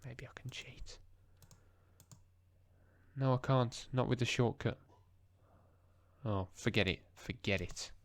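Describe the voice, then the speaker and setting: Hushed, tired man at a quiet desk. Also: fairly low pitch, no echo. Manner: hushed and tired, thinking aloud. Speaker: language learner vlogger. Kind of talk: casual screen-recorded vlog.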